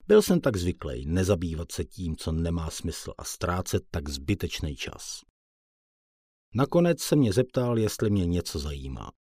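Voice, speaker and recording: A man with a deep, husky voice narrates a first-person audiobook in a plain, colloquial way. The recording is dry and close, with no room sound. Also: dark tone, no room sound.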